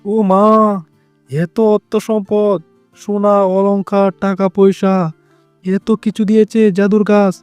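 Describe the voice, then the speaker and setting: A man voicing a good-hearted poor woodcutter fox, a devoted husband, in an earnest, expressive cartoon style. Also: high-pitched, measured pace, pauses often, smooth, no room sound, soft background music. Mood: excited. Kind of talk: cartoon voice acting.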